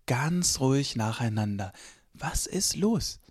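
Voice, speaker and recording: Mann als Moderator einer Kindersendung. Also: male voice, mid-range voice, expressive, takes it slowly, noisy background. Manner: kids' show host, addressing children directly. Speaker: host of a children's podcast. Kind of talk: scripted audio play hosting.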